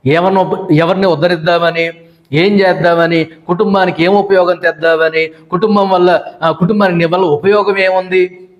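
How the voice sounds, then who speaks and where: A middle-aged pastor with a high voice preaches with fervent emphasis. He stacks up repeated phrases and slips into the voices of the people in his stories. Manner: emphatic preaching with long repeated lists and quoted voices of wives. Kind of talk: sermon.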